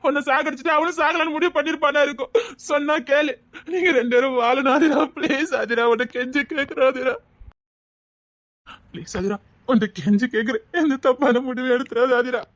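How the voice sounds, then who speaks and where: A woman's voice: high voice, little pitch movement, fast, fairly bright tone, no room sound. A woman voicing a young woman who begs her friend to live, speaking with a Tirunelveli Tamil accent in a tearful, pleading way. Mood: begging.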